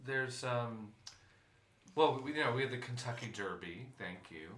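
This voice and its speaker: A man hosting a podcast in casual chat, often halting and searching for his words. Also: medium pitch, expressive, a bit bright, echoey room. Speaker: podcast host.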